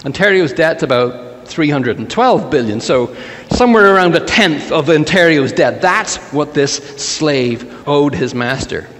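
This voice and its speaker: A male pastor preaching with a playful, joking storyteller's manner. His fairly high voice swings animatedly up and down. A long reverb of the church hangs on every phrase. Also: expressive, unhurried, fairly bright tone. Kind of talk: humorous sermon. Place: church sanctuary.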